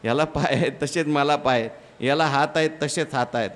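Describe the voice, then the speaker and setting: A man's voice: a little high, fairly quick, lightly acted. A man voicing a frightened young male lion who believes he is a sheep, inside a sermon story. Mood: timid. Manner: frightened, protesting.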